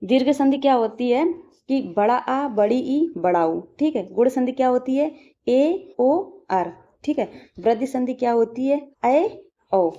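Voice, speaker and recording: A woman with a fairly high, mellow voice teaches an exam-prep grammar lesson. She drills each rule and example patiently, pausing to check in with her students. The recording is dull and lo-fi. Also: animated. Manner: patient, repeats "ठीक है" often, drills examples slowly.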